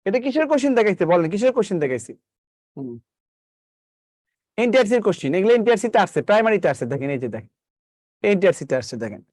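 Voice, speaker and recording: A man's voice: high voice, big pitch swings, racing, pauses often, a little mellow, dry recording, clean studio sound. A man teaching a live online math lesson, repeating questions to his students and drilling them step by step.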